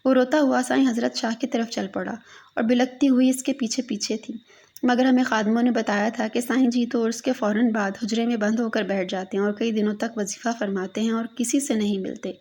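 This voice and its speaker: A woman's voice: a little high, fairly even intonation, darkish tone. A woman reading a literary story aloud as a mournful lament to a lost daughter.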